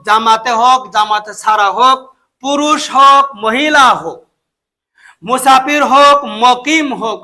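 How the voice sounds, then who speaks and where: Bangladeshi guy preaching, really high bright voice, keeps hammering the same points. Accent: Bangladeshi Bengali. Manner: emphatic, repeats phrases, chants takbir slowly. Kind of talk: sermon.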